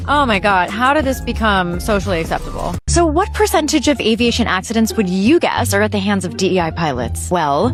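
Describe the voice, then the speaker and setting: A woman with an American Valley Girl accent giving chatty, sarcastic comedic commentary in a bubbly sorority-girl manner. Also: mid-range voice. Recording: music bed under the voice. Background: background music.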